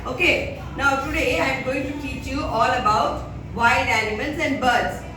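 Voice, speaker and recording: A woman's voice: high-pitched, moderate pace. A woman with an Indian accent teaching young children in a classroom, asking simple questions, prompting them to repeat and praising their answers. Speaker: primary school teacher. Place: school classroom. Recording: echoey noisy room, distant microphone.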